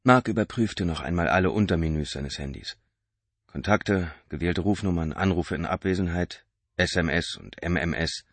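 A man narrating an audiobook in a tense, expressive reading. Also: sits low, moderate pace, dry recording. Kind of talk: scripted narration.

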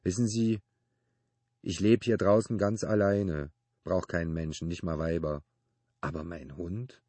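A gruff old loner with a cracked, husky voice, as a male reader puts him on, barking short clipped phrases louder and higher than the narration. He sounds suspicious and quick to flare up, read dry and close like a storybook recording. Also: fairly even intonation, no echo. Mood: menacing. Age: older. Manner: blunt clipped speech, calling out loudly, suspicious. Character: gruff lonely older male neighbor, brooding and volatile.

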